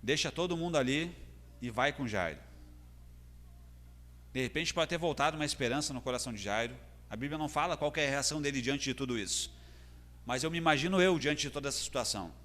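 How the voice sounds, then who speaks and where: Brazilian man, pastor's sermon, bright forceful tone, long hall reverb. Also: mid-range voice, expressive, fast. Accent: Brazilian Portuguese. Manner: earnest preaching, rising in intensity. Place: church hall.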